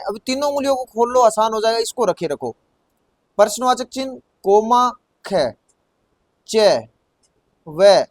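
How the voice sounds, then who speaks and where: A man with a Rajasthani Hindi accent teaching typing hands-on, patiently repeating each key and word slowly as he demonstrates. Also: sits high, no room sound. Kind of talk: hands-on lesson.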